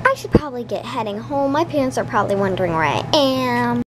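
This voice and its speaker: Brief: a young girl doing a jumpy, squeaky kid, high and edgy, noisy room. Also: lively intonation, fast talker, natural voice. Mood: nervous. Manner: nervous, squeaky. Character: nervous young kid lured to a den.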